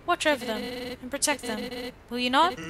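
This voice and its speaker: A woman voicing a gentle, motherly old monster woman who speaks softly and formally. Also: high voice, moderate pace, noisy background, lightly acted. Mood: pleading. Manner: soft, formal, pleading. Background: game music.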